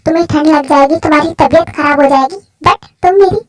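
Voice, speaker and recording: A woman's voice: high voice, a little fast, slight background noise, lightly acted. A woman voicing an anxious, protective young man in a fan story, talking in a pleading, fretful way. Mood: worried.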